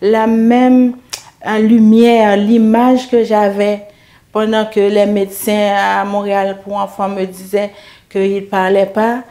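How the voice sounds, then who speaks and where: A middle-aged woman, an interview guest, gives an earnest faith testimony, hesitating and repeating words as she gathers her thoughts. She speaks slowly and evenly in a mellow, dark voice of medium pitch, level in tone with little rise or fall.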